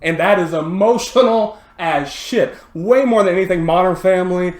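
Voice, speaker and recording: Podcast co-host, man with a slightly high voice who tells stories with energy; roomy, echoing sound. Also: normal speed. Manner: animated storyteller, swears a lot, acts out scenes. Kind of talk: casual chat. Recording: roomy echo.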